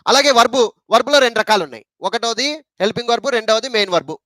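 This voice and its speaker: A man's voice: extremely high pitch, racing, fairly bright tone, no echo. A man with a Telugu accent teaching an English grammar lesson, repeating points and asking rhetorical questions.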